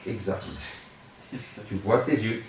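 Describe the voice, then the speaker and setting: A man, a philosophy teacher, guiding a calm meditation in a slow first-person voice, speaking from a terrace at home. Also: lowish voice. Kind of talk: guided meditation exercise. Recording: very echoey, distant mic, faint hiss.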